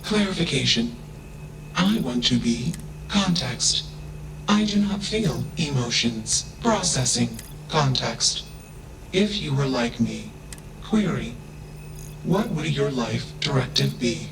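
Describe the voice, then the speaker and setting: An actor voicing a flat, emotionless artificial intelligence that speaks in monotone, clipped statements, each introduced by a label word. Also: male voice, mid-range voice, takes it slowly, pauses often, crowd noise, poor audio. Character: flat emotionless artificial intelligence, male-sounding, curious and literal. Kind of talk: video game voice acting.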